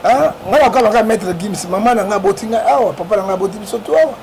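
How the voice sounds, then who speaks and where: As an interview guest, this man from the DRC speaks with a Congolese French accent in a high, rough, gravelly voice. He drives his political points home hard, tagging them with a prodding "hein?" again and again. A constant background noise sits under the audio.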